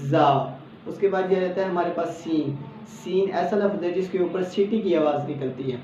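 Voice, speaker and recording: A man with a Pakistani Urdu accent teaching Quran letter pronunciation, patiently explaining each letter and then saying it slowly as a model. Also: fairly high pitch, dark tone. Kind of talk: step-by-step pronunciation lesson. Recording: echoey, distant, dull lo-fi sound with faint background hum.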